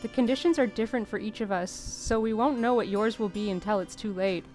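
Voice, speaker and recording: Woman as a composed cult leader in a game, measured and formal, music underneath. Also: mid-range voice, darkish tone, natural voice, poor audio. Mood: calm, grave. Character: calm, solemn cult leader speaking to a newcomer. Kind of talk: reading game dialogue in character. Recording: music behind the voice.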